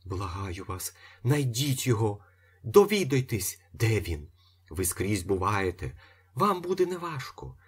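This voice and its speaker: A man voicing an anxious middle-aged woman who pleads urgently, in a husky voice pitched somewhat up. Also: big pitch swings, unhurried, full character voice. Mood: pleading.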